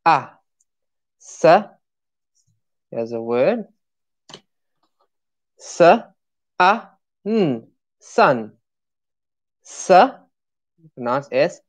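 A woman with a low voice leads a live-streamed pronunciation lesson. She talks very slowly, drawing out each letter and word and encouraging listeners to say them along with her. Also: big pitch swings. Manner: slow, drawn-out sounding of letters and words; encouraging, asks viewers to repeat along. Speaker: English pronunciation teacher.

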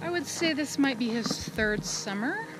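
A woman's voice: high-pitched, lively intonation, unhurried, noisy background. A woman in her thirties chatting casually to a handheld camera in a vlog, upbeat and playful. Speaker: vlogger. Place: restaurant indoors, then lakeshore outdoors.

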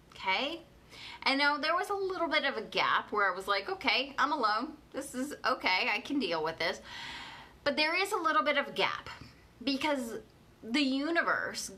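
A woman in her thirties with a bright, forceful voice at a middling pitch leads a motivational coaching session online. She speaks earnestly and with emphasis, often repeating short phrases to drive them home. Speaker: coach leading an online challenge. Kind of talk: motivational coaching talk to a live online audience. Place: living room at home, indoors.

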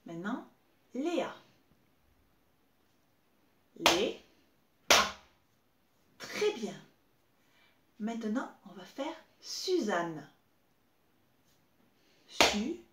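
Slow, lively woman teacher, echoey room. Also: on the high side. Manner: slow, clear, exaggerated syllable clapping. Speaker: preschool teacher. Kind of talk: remote lesson for young children. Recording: echoey room with faint noise.

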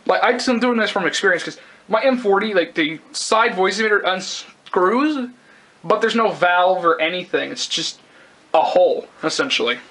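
High-voiced, bright young man, rambling casually. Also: lively intonation. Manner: rambling, halting, casually sweary. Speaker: gas mask collector and reviewer. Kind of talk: casual unscripted product review. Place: indoors, close-up tabletop video.

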